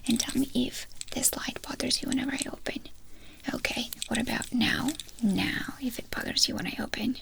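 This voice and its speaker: A woman performs a fast ASMR whispered role-play as a medical examiner. Her whisper is breathy and crackles with fry. She gives brisk, clipped instructions and questions in quick succession. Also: on the high side.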